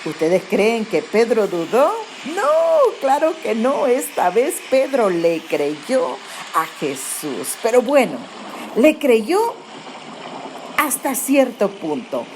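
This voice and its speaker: A woman teaching a Bible lesson to children, telling the story with animated questions to the kids. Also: fairly high pitch, slow, slight background noise.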